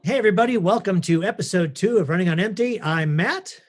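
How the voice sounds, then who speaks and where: A man hosting a casual podcast, upbeat, talking in quick bursts with frequent "uh" and stumbles. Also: high-pitched, expressive, loud music behind the voice. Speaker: podcast host.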